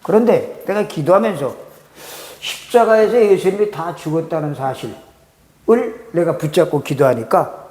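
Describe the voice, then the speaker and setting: A man's voice: fairly high pitch, moderate pace, a little mellow. A man, a pastor, preaching a sermon and asking the congregation rhetorical questions. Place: church sanctuary. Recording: echoey church hall reverb.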